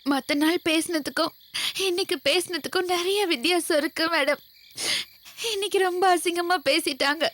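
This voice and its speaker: A woman's voice: very high voice, a little fast, hardly any pauses. An actress playing a meek, sorrowful young woman in a soap opera. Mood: tearful. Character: tearful, timid young woman. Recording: soap opera with loud music and crickets.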